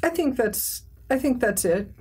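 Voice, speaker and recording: A woman co-hosting a live webinar Q&A, giving parenting advice in a measured, thoughtful, explanatory way. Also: on the high side, animated, mellow, husky. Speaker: co-host and parent.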